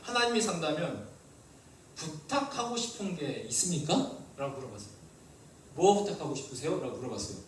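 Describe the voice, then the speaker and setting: A male pastor preaching a sermon, lively and asking the congregation questions. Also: a little high, fairly quick, very echoey, distant mic, a little hiss or hum, low-quality recording. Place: church hall.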